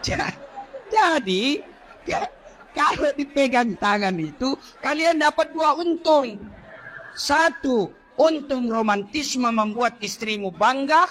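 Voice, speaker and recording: High, lively joking male preacher. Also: slow pace, slight background noise. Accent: Indonesian. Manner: jokey, acts out quoted voices, addresses audience directly. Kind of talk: humorous sermon. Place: mosque.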